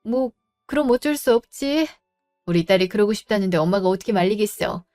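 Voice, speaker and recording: A woman's voice: medium pitch, lively intonation, a little fast, darkish tone, soft background music, close to an everyday voice. A woman voicing a fond older mother who fusses tenderly over her grown daughter, in a storybook drama. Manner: fussing, tender.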